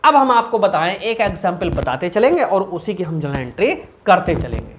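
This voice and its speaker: A man's voice: high voice, very animated, normal speed. A male commerce teacher talks through an accounting lesson in an easy, chatty way. He keeps asking the class questions and then answering them himself. A faint hiss sits under the voice. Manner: chatty, asks and answers his own questions.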